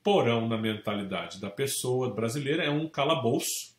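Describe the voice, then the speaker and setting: A Brazilian man, a real estate agent, telling lively stories in a casual interview and acting out the people in them. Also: medium pitch, normal speed. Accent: Brazilian Portuguese. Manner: animated anecdotes, acts out quoted people. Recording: echoey room.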